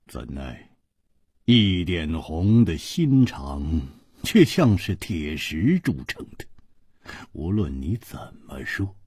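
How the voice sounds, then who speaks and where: A man narrating a martial-arts story as a dramatic audiobook storyteller, with expressive, drawn-out delivery and whispered asides. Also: low voice, slightly rough, no echo, studio quality.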